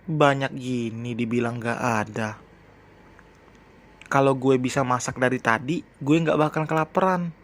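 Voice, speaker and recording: A man's voice: mid-range voice, fairly even intonation, a little slow, pauses often, close to an everyday voice. A man voicing a stubborn, sulky young woman who complains bluntly in a storybook reading.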